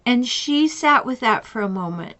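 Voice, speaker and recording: A woman's voice: on the high side, lively intonation, normal speed, sharp tone, dull audio. Earnest woman coach, emphatic and questioning. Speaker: relationship coach. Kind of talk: advice talk with retold conversations.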